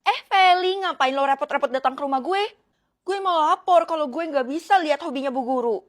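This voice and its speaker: A woman's voice: high voice, fairly quick. A woman narrating a cartoon story in a casual, teasing way. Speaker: voice-over narrator.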